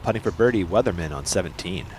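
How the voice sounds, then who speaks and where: A man's voice: low-pitched, animated, quick pace, poor audio. A man calling disc golf play-by-play like a golf commentator, in short clipped phrases over outdoor noise. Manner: clipped, telegraphic calls in golf commentator manner.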